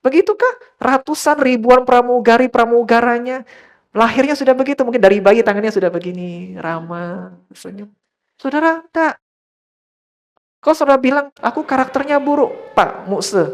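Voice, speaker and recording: A male pastor preaching a sermon, his voice leaping up and down in pitch as he tells a story. He keeps turning to address his listeners directly and slips English phrases into his talk. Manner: storytelling, often addressing listeners as brothers and sisters.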